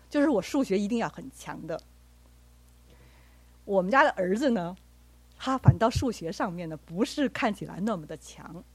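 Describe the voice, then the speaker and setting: A woman's voice: medium pitch, breathy edge, dry recording. A woman preaching a sermon with personal stories, speaking earnestly and acting out the dialogue she quotes.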